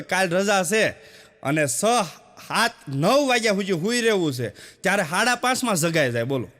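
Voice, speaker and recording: A man's voice: sits high, fairly bright tone. A man delivers stand-up jokes on stage. He acts out the villagers and family in his stories with quoted voices. The sound carries a long hall reverb. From Gujarat, India. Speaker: stand-up comedian. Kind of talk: Gujarati stand-up joke telling. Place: stage show with a live audience.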